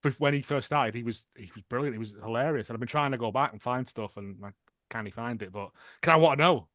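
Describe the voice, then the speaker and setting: A man hosting a podcast in casual chat, excitable and rambling with repeated restarts. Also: medium pitch, fast talker, dry recording. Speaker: podcast host.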